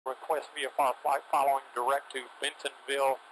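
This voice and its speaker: A man's voice: mid-range voice, flat delivery, a little fast, fairly bright tone, slight background noise, low-quality recording. An older man piloting a small plane, making radio calls and chatting through an aviation headset intercom. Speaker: private pilot. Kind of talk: radio calls and cockpit chat. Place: inside a small propeller plane. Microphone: aviation headset boom mic.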